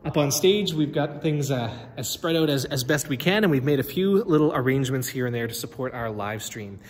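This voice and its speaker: A man's voice: mid-range voice, lively intonation, fairly quick. A man in his thirties, a pastor, chatting casually with many fillers and restarts as he walks through an empty church, filmed on a phone at arm's length. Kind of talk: casual walkthrough video. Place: inside an empty church building. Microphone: phone held at arm's length. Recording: reverberant hall with faint ambience.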